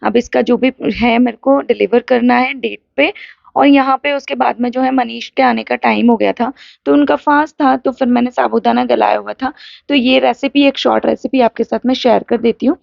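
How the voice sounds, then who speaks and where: A woman's voice: high voice, creaky, dull audio. A young woman talking casually through a home vlog, chatty and rambling as she explains her day. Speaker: vlogger.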